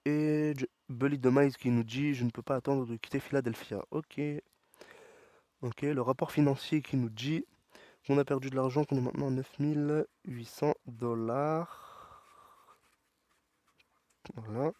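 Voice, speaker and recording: A man's voice: mid-range voice, a little slow, long pauses, no echo. Guy doing let's play commentary, gets worked up at the game, dry sound. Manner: excitable, talks back to the game characters. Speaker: gaming YouTuber.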